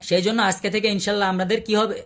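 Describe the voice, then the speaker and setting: A man's voice: sits high, flat delivery, fast talker, fairly bright tone. Man, Quran recitation teacher, online class, patient, repeats sounds, asks the class questions, video call audio.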